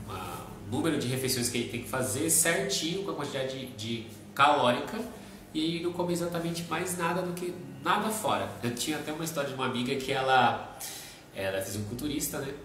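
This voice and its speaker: A man's voice: medium pitch, fairly quick, fairly bright tone. Guy chatting on a live stream, walks through it step by step, room noise behind, sounds distant. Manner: explains step by step with everyday examples. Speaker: nutrition live stream co-host. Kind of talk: explanatory live chat. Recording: very echoey room, mic at a distance, background noise.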